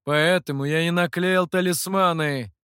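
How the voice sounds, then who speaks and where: A man's voice: fairly high pitch, fairly even intonation, measured pace, fairly bright tone, smooth, dry recording. A man playing a stern, irritable male master who answers curtly and sounds fed up, read dry and close. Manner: curt and exasperated.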